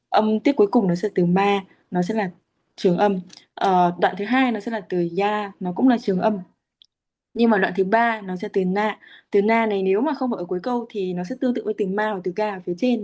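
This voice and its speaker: A woman's voice: medium pitch, mellow. A woman from Vietnam, patiently explaining Pali chanting rules with frequent hesitations. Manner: patient, many fillers, spells out syllable lengths. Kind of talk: teaching explanation.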